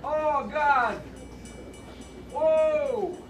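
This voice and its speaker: A man's voice: very high-pitched, drawn-out words, heavily acted. An actor playing a suffering man who gasps and groans like a dying soldier in a comedy drama. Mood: agonized, pleading. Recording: echoey, dull, noisy, distant.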